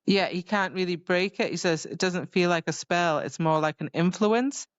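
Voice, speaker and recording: A woman co-hosts a podcast, chatting casually about a book in a voice on the low side at a moderate pace. The close recording sounds dull and a bit muffled, with no room sound.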